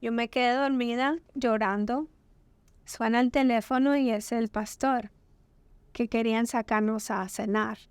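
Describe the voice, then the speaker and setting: Her voice higher, smooth and resonant, a woman recounts her testimony on a podcast at an unhurried pace with a steady tone. She brings the story to life by acting out the dialogue of those she quotes, and the sound stays dry and close, as if captured in a small studio.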